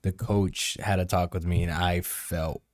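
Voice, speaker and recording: A man's voice: low-pitched, fairly even intonation, a little slow. A young man in casual conversation as a podcast co-host, recorded at a table microphone in a small studio. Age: young adult. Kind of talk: casual chat. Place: small indoor studio with padded walls.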